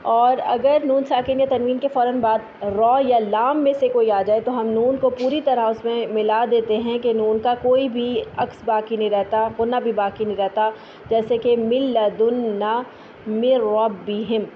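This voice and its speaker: A woman patiently explaining Quran recitation rules, slowly drawing out each example word. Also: fairly high pitch, steady tone. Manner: patient, explanatory, drawn-out filler sounds. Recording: thin phone-like audio with faint hiss.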